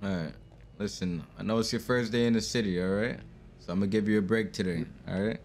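A man's voice: lowish voice, steady tone, fast, darkish tone, a little hiss or hum. Polite formal man playing a cop. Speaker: roleplayer as police officer. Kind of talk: in-character roleplay.

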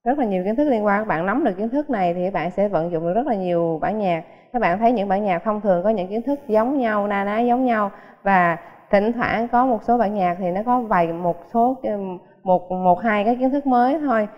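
A woman's voice: medium pitch, brisk. A woman teaching a piano lesson in a casual, chatty way, counting beats aloud and explaining with everyday comparisons. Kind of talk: casual spoken music lesson. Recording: muffled sound with a long hall reverb.

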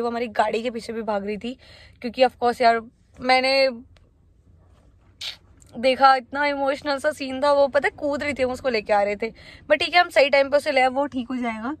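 A vlogger in her twenties chats casually to her phone camera, held at arm's length, from inside a parked car during the day, mixing in English words. Her voice sits high with a steady tone, a little fast, and there's no room sound.

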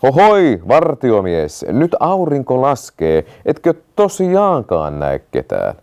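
A man voicing an impatient young prince in a storybook reading, calling out eagerly and loudly. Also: a little high, big pitch swings, no room sound, pitched above the performer's own voice.

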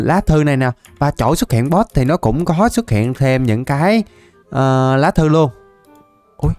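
A young man with a fairly high voice talks his way through a game, chatty and quick to laugh. He repeats words in excited bursts, with music playing softly behind him. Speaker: gaming YouTuber. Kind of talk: casual Minecraft let's-play commentary.

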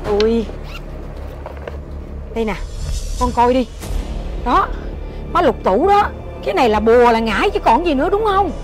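An actress with a Southern Vietnamese accent playing a superstitious, bossy middle-aged mother-in-law who scolds in rapid-fire accusations. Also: on the high side, sing-song. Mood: worried. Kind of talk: web drama acting. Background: background music.

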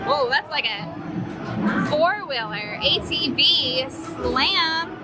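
Loud music and a noisy crowd sit behind this high, animated voice of a mom in her thirties who speaks slowly. She narrates a casual vlog, chatty and upbeat, showing off a resort outdoors and an indoor arcade like a tour guide. She holds the phone or camera at arm's length to film herself.

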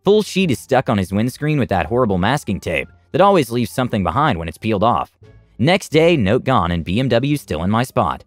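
A man narrating reddit stories aloud in a lively storytelling manner. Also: fairly quick, no room sound, soft background music. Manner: lively storytelling with big pitch swings.

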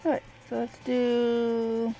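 A woman's voice: on the high side, monotone, slow, mellow, faint music behind, poor audio. A woman in her twenties chatting and rambling casually while commentating her gameplay. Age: 20s. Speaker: let's player.

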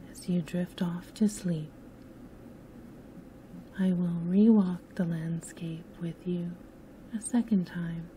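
A woman with a very mellow, dark-toned voice narrates a sleep story. She is soft-spoken and soothing, often drifting near a whisper. Her pace is very slow and unhurried, with faint noise behind her. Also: on the low side, rough recording. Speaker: host and narrator of sleep stories.

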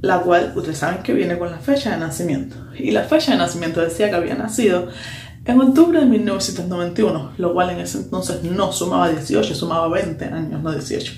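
A woman's voice: lowish voice, a little fast. A young woman, animatedly telling a personal story in a casual vlog. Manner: animated, lively retelling with slang and English asides. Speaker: vlogger. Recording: echoey room with faint hum.

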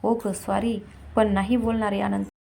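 A woman voicing a worried, loving middle-aged husband who speaks gently and pleads. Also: medium pitch, level tone, moderate pace, creaky, slight background noise, lightly acted. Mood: coaxing.

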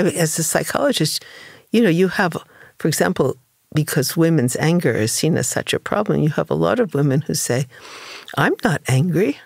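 An older woman with a lowish voice talks through ideas in an interview. She is reflective and anecdotal, often dropping into quoted voices. The recording is close and dry, with no room sound. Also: darkish tone, no echo. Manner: thoughtful, explains with stories and quoted voices. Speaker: psychologist and author, guest. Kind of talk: conversational interview.

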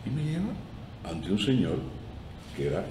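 A middle-aged man from Cuba with a Cuban Spanish accent tells a story as a guest actor on a talk show, acting out the voices he quotes. His lowish voice swings hugely in pitch at a moderate pace. The recording has roomy echo, a distant mic and audible room noise.

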